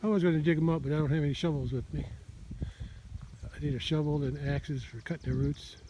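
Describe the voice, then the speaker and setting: Here a farmer narrates his own chores in a casual vlog, thinking out loud in a folksy, rambling way and repeating himself. His voice is a bit high, steady and brisk, with a dark tone. He's outside on a farm, partly around a vehicle, and the recording is noisy with vehicle sounds.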